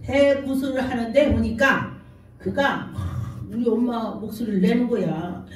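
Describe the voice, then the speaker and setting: A woman's voice: a little high, a little slow. A woman pastor preaching a sermon, telling stories and acting out the quoted speech. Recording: echoey hall from far off.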